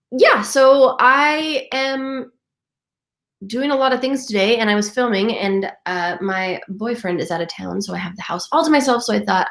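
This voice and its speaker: A young vintage lifestyle vlogger chats cheerfully at home, answering viewers' comments in an upbeat way with lots of fillers. Her slightly high, creaky voice sounds stuffy and congested from a cold, and the room is echoey.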